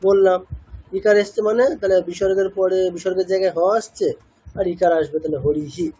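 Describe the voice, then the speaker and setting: A man from India patiently teaches chanting pronunciation in a class, posing questions and answering them himself. His high voice is steady, fairly quick and mellow with a breathy edge, though the audio is poor.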